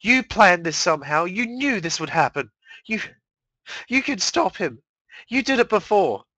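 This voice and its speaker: A man voicing a distraught young princess pony mare, crying out in shrill wails. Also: sing-song, drawn-out words, bright, forceful tone, breathy edge, no echo, heavily acted. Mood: furious. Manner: shrill wailing cries.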